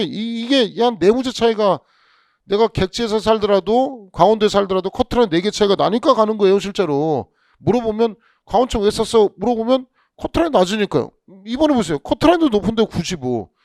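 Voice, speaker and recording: A man lecturing on exam strategy in a chatty way, with a somewhat high, gravelly voice. He asks rhetorical questions and often restarts his sentences. The sound is dry and close, with no room echo. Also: darkish tone. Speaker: police exam law instructor. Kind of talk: casual lecture analysis.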